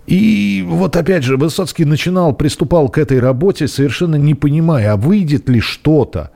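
A man's voice: fairly high pitch, animated, normal speed, creaky, mellow. A male radio host talking in a conversational, musing way with many fillers, taking calls and reading messages. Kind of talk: call-in radio talk.

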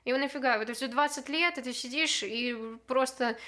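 Woman, 20s, podcast guest, casual chat, relaxed, candid, slightly high pitch. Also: a little fast. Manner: relaxed, candid, laughs easily.

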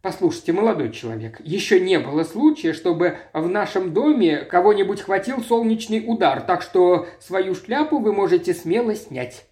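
A man voicing a sharp-tongued old woman who scolds the police sarcastically. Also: sits high, expressive, moderate pace, hardly any pauses, echoey room. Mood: sarcastic. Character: sharp-tongued sardonic old mother-in-law.

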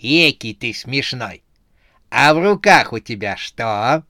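A man voicing a menacing girl dressed as the Snow Maiden, speaking slowly and mockingly in a humorous horror audiobook. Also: mid-range voice, lively intonation, pushed and bright, no room sound, studio quality, heavily acted. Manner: mocking, slow and drawn out.

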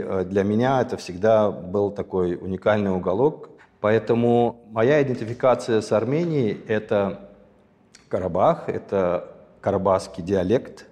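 A man in his sixties, from Azerbaijan, recalls his past as an interview guest with a deep, mellow voice. He speaks in a measured, reflective way, pausing often to choose his words. His voice rings with a long reverb, as if in a large hall. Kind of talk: reflective personal storytelling.

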